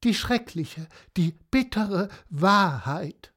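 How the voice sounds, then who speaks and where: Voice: medium pitch, extremely slow, pitched above the performer's own voice. A storyteller voicing a melodramatic, weepy horse with a weak, sobbing voice. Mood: wailing. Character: weepy dramatic horse claiming to be a seahorse.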